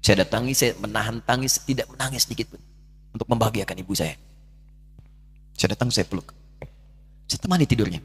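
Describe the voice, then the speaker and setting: A man's voice: on the low side, fairly quick, pauses often, husky. A middle-aged man preaching a sermon, telling an emotional story with a voice that rises and swells. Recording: long hall reverb.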